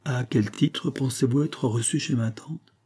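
A man's voice: mid-range voice, measured pace, darkish tone, slightly rough. A man reading the lines of a proud young woman who firmly turns away a suitor, in a restrained, firm voice.

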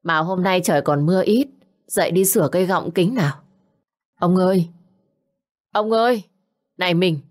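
A woman's voice: on the low side, moderate pace, long pauses, a little mellow, natural voice. A woman voicing a frantic older village wife, crying out and wailing for help in a Vietnamese folk tale. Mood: coaxing.

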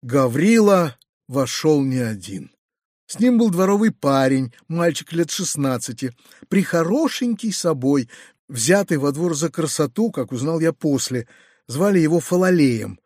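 A man narrates a classic novel at a measured, storytelling pace. His voice sits a little high, and the sound is dry and close with no room around it. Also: lively intonation, a little mellow, no room sound. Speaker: audiobook narrator. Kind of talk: scripted literary narration.

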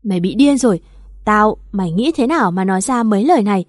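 A woman doing an earnest young man, wounded and defensive, pleading and protesting his innocence. the storybook reading is dry and close, at a middling pitch. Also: expressive, fast, no echo, lightly acted. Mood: indignant. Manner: pleading, insistent denials.

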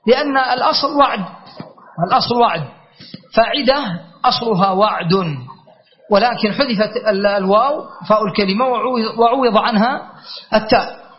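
A man with a high-pitched voice teaches a classroom grammar lesson. He repeats the key words and stops often to check that his students are following. The recording sounds dull and lo-fi.

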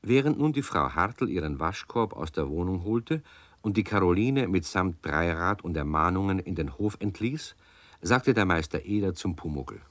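A man narrating a children's radio play in a calm, gentle, measured storytelling manner. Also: low voice, dry recording.

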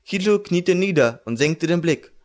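A man narrating a fantasy audiobook in a measured, even reading. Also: sits high.

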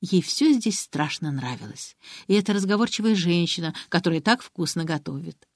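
A woman narrating an audiobook in a calm, even storytelling manner. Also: fairly low pitch, normal speed, no room sound, studio quality. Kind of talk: scripted narration.

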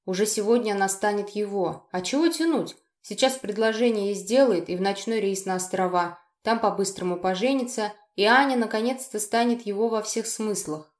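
A woman narrating a dark novel in the first person, emotional and at times pleading. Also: mid-range voice, normal speed, few pauses. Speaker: audiobook narrator. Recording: roomy echo.

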